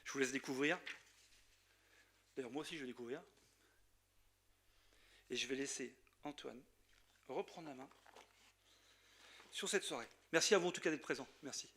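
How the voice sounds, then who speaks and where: A man's voice: mid-range voice, moderate pace, long pauses, pushed and bright, breathy edge. A man with a Lorraine French accent, president of a chamber of commerce, giving an informal welcome speech at a general assembly with many hesitations.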